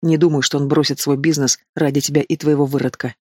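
Холодный, презрительный молодой бандит, которого озвучивает мужчина, аудиокнига. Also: male voice, a little high, flat delivery, quick pace, no room sound, clean studio sound, lightly acted. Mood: cold scorn. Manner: cold, contemptuous. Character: bitter young male henchman, cold and scornful.

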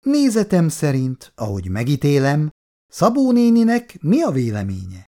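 An awkward, flustered middle-aged man who hesitates over his words, his voice rising and falling with a lively range, as the reader does his voice. He comes across as a character in a read-aloud family tale. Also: on the high side.

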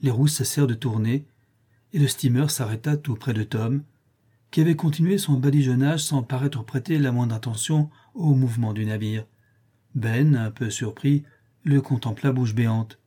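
A man narrating a classic novel as an audiobook with a steady storytelling delivery. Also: medium pitch, moderate pace, husky.

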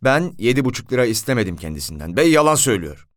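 A man's voice: mid-range voice, big pitch swings, very fast, dry recording, clean studio sound, natural voice. A man voicing a stubborn taxi driver who keeps insisting he is right. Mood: defiant. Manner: insistent, protesting. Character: stubborn lying male taxi driver, defiant.

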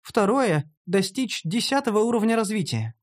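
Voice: mid-range voice, expressive, moderate pace, voice pushed up, close to an everyday voice. A narrator voicing a timid, earnest young female gnome who explains things carefully. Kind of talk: audiobook character voice.

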